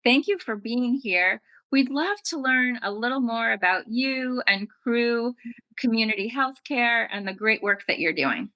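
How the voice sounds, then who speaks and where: Casting: woman interview host, polished scripted delivery, sharp bright tone. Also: on the high side, animated, unhurried, dry recording, low-quality recording. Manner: polished, encouraging. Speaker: podcast host. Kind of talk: scripted intro and interview questions.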